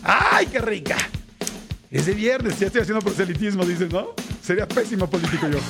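A man with a Mexican accent hosting a lively morning radio show, chatting excitedly and reading listener messages aloud in a radio studio. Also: high-pitched, fairly quick, loud music behind the voice. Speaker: radio host.

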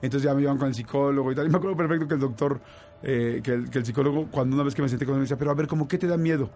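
A man with a Mexican accent telling a personal story in casual chat, animated and full of fillers and restarts. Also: medium pitch, rapid-fire. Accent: Mexican Spanish.

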